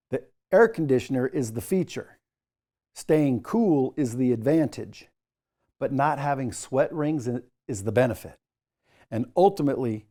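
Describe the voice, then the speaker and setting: This course instructor, a sales trainer, has a medium-pitched voice that sounds mellow and darker in tone. He talks straight to the learner like a coach, hammering his points home in casual wording and tossing in the occasional joke.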